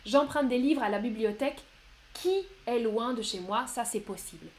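A woman's voice: fairly high pitch, moderate pace. A woman teaching grammar in a live online lesson, patient and encouraging as she answers viewers one by one. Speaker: French teacher.

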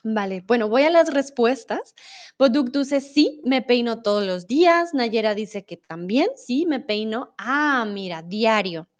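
In an animated live-stream Spanish lesson, a young woman from Colombia speaks with a Bogotá accent, her voice a little high and her pace slow as she patiently works through each point. Occasionally she breaks off to read aloud comments from viewers in the chat.

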